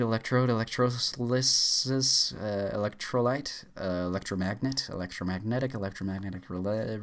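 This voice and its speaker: A man on a YouTube channel reading a list of words aloud at a rush, stumbling often with uh fillers and cut-off restarts. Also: fairly low pitch. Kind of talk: rapid-fire reading aloud of a word list.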